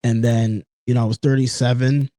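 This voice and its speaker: Speaking briskly in a warm, mid-range voice with little pitch movement, a podcast host in his late thirties reflects alone on a dry recording. His talk is earnest and personal, peppered with "you know" and "folks."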